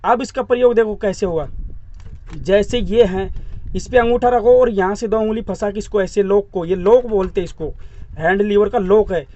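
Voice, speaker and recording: A man's voice: high voice, normal speed, darkish tone, dull audio. A man acting as a driving instructor, giving a hands-on demonstration inside a truck cab, explaining each part step by step and repeating the terms for his viewers.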